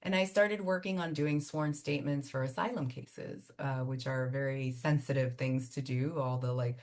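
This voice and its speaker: A woman from Miami whose first language is Spanish, an immigration attorney answering interview questions in a chatty, animated way with fillers and laughs. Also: a bass voice, normal speed. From Miami, United States. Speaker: immigration attorney and law firm founder.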